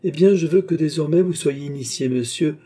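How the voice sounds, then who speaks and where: A man's voice: on the high side, brisk, mellow, breathy edge, voice pushed up. A man voicing a haughty, scheming male ambassador in a classic French audiobook, with an imperious, curt manner.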